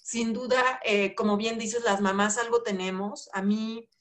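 A woman's voice: on the high side, steady tone, unhurried. Middle-aged Mexican woman hosting an interview. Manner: reflective, with fillers like "este" and "pues". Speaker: host. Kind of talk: casual interview talk.

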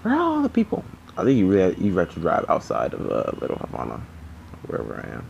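A man with a low voice talks loosely over his gameplay, drowsy and yawning. He rambles and swears freely, with a faint hum of background noise behind him. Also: huge pitch swings, quick pace, gravelly, a little mellow, lo-fi sound. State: sleepy, yawning. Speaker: gaming channel host. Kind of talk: casual gameplay commentary.

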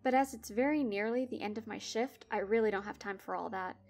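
A woman's voice: mid-range voice, fairly quick, darkish tone, close to an everyday voice. Bored middle-aged gatekeeper, voiced by a woman. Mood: brusque. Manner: bored, brusque. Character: balding fifties male gatekeeper, bored and weary.

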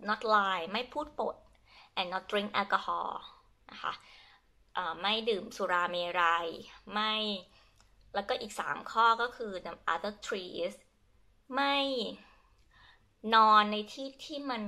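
A young adult Thai woman teaching her language, switching between Thai and slow, halting English with a Thai accent, and often repeating herself. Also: mid-range voice, bright, forceful tone. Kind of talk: bilingual lesson, Thai with English glosses.

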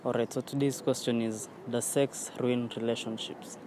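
A young man hosting a casual street interview outdoors on a campus, asking quick upbeat questions into a handheld phone. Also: mid-range voice, level tone, background noise. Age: young adult. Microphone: handheld phone held out to guests.

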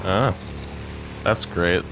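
A man's voice: low-pitched, drawn-out words, gravelly, a bit bright, soft background music, low-quality recording. A man giving casual, sweary commentary as he plays a video game. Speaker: let's player.

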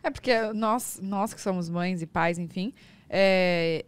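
A Brazilian woman hosting a podcast, chatting in a relaxed way and agreeing easily with her guest. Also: fairly low pitch, takes it slowly, smooth. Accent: Brazilian Portuguese. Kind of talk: casual chat.

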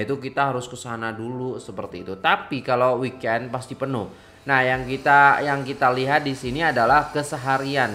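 A man's voice: medium pitch, bright, forceful tone. A man, chatting casually as he reacts to a video and calls viewers "guys". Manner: chatty, frequent exclamations, addresses viewers as guys. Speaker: reaction vlogger. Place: small decorated room indoors.

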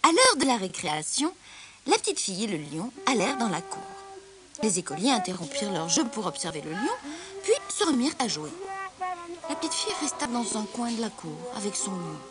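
Expressive woman narrating a storybook. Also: mid-range voice, brisk. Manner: expressive, hushed at tense moments. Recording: hissy old storybook recording.

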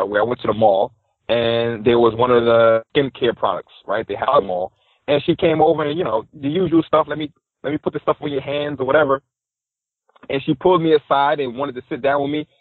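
Brisk and mid-range, this style coach from New York City is a guest on a podcast, spinning stories in a relaxed interview. He gets animated and performs other people's quotes. The audio is narrow and tinny, with no echo.

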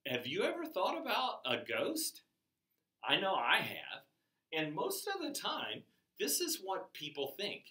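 An older man preaches a chapel sermon to a class of children, slow and emphatic, lifting his voice on important words. The pitch is high and swoops wildly, with a pushed, bright quality. He's recorded from far off by a camera across an echoey indoor classroom that has a whiteboard.

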